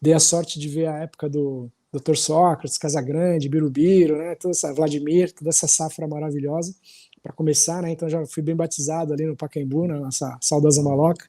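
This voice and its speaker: This São Paulo musician, a podcast guest, speaks Brazilian Portuguese with a Paulistano accent in a relaxed, wandering way, dropping in frequent tag questions. His mellow voice is a little high and his pace is brisk as he swaps stories in easygoing conversation.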